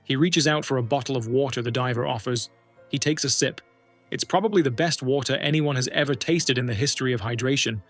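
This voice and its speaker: Guy doing dramatic documentary voiceover, mid pitch, building suspense, faint music behind. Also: a bit bright. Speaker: narrator. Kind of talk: scripted documentary narration.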